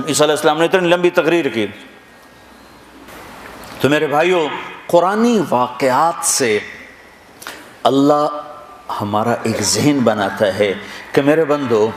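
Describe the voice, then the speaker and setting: A man giving a storytelling sermon, retelling scripture dramatically and slowly reciting verses between the narration. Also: mid-range voice. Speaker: preacher. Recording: echoey hall with long reverb, faint noise.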